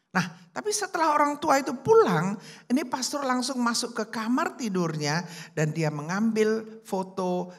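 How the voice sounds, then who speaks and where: Church preacher, lively story-driven delivery with voiced quotes. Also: medium pitch. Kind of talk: sermon storytelling. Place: church service.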